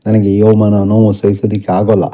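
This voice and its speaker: A man's voice: lowish voice, completely flat delivery, a little fast, warm tone, natural voice. A man voicing a distraught young wife and teacher, angry and tearful, in a plain reading voice. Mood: bitter. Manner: plain reading voice, barely changed for the character. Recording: dull lo-fi recording.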